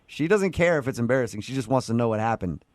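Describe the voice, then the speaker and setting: Male radio host, teasing, pushy questions, lively pitch, dry studio sound. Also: fast, no echo. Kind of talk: radio show prank call.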